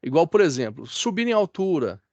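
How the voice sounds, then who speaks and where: A Brazilian man gives a classroom lecture in a somewhat high voice. His speech is dry and close, with no room echo. He chats easily and keeps checking that the class follows him. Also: big pitch swings, brisk, darkish tone. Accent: Brazilian Portuguese. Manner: chatty, asks the class for agreement. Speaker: teacher.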